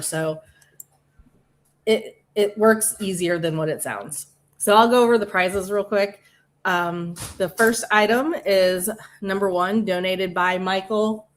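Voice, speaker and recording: A woman with a Midwestern accent hosting a casual livestream, chatty and quick to laugh. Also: medium pitch. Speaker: livestream host.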